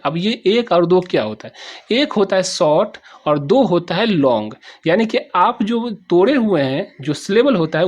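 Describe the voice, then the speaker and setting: Hindi-speaking teacher with a Bihari accent. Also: male voice, high voice, a little mellow. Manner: repetitive, checks understanding often. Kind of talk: classroom explanation.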